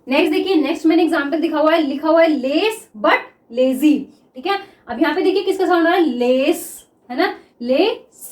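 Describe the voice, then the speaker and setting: Woman teacher, high voice, echoey room, keeps asking "clear?" between examples. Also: darkish tone. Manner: repeats words slowly while writing, asks 'clear?' often. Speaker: shorthand teacher. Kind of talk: classroom lesson explaining examples.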